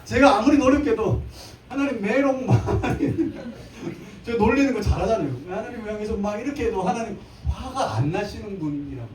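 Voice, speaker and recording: Male preacher, thirties, high mellow voice, joking live sermon, distant echoey church mic, faint hum. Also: expressive, fast talker, hardly any pauses. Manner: playful, acts out little scenes and jokes. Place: church sanctuary.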